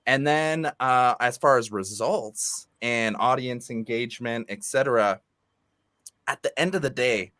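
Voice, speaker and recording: Bright, dry-voiced man chatting casually. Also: medium pitch, measured pace, no echo. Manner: relaxed, rambling with fillers and restarts. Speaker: guest. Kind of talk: casual conversational interview. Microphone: remote video call.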